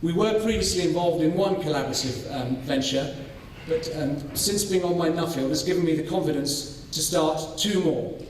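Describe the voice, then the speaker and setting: Man presenting at a conference, fairly high voice, hesitant with fillers, heard from far off in a big echoing room. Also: a little hiss or hum. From North Wales. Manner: measured, with frequent ums and restarts. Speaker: farming scholar presenting his study. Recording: echoey hall, voice from far off.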